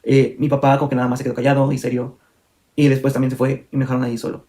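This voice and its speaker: A young man recounts a personal story to his viewers. He rushes through it at a quick clip, candid and a little rambling, correcting himself as he goes. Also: medium pitch, completely flat delivery, mellow. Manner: fast, candid, full of fillers and self-corrections. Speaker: vlogger.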